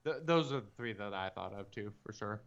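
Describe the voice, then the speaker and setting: A man co-hosting a podcast in relaxed chat, wandering through his points with plenty of ums and uhs. His voice is smooth and clean. The recording sounds dull and lo-fi. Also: lowish voice, fairly quick. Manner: rambling, lots of fillers and trailing off. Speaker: podcast co-host. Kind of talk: casual chat.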